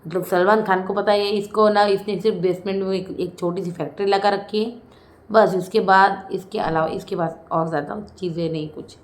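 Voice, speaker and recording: A woman talks through a reality show episode in a loose, chatty review. She speaks in a middle pitch. Her voice carries an echo from the room. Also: steady tone, normal speed. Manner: chatty, frequently saying "bhai" and "hmm". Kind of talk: casual commentary.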